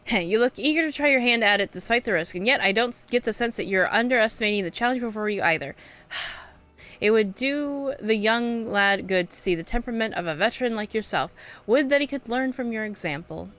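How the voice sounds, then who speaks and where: A woman's voice: a little high, lively intonation, a little fast, a bit bright, faint music behind. A woman voicing a boastful male showman from a video game, reading his announcements aloud theatrically. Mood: showy.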